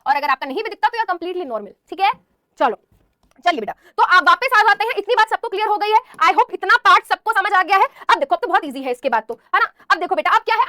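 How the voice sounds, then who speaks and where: A young woman teaching a biology class, warmly addressing students as "beta" and firing off questions she answers herself. Her voice is very high and bright, and she talks at a rapid clip. The sound is dry and close, with no room echo. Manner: mixes English terms into speech. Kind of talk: classroom lesson explaining to students.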